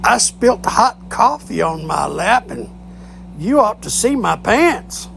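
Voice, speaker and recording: Brief: male pilot making a polite intercom announcement, voiced by a storyteller, gravelly tone. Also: medium pitch, sing-song, slow, background noise, exaggerated voice. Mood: apologetic. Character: male airline pilot, calm then flustered.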